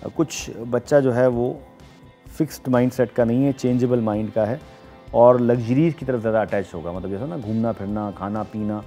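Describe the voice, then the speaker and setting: A middle-aged man with a Pakistani Urdu accent, an astrologer reading horoscopes on a studio talk show, explaining things in a measured way with frequent hesitations. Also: medium pitch, fairly even intonation, dark tone, faint music behind.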